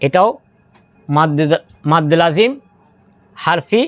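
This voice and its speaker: A man teaching Quran reading, slowly spelling out Arabic syllables in step-by-step drills and drawing out recited words. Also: on the high side, no echo.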